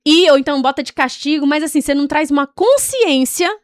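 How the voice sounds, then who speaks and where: A fairly high-voiced woman in casual faith-based chat, laying out her views steadily and point by point. She explains rather than jokes. The sound is dry and close to the mic. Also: animated, no room sound. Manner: measured and explanatory, giving her opinion point by point. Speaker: podcast co-host.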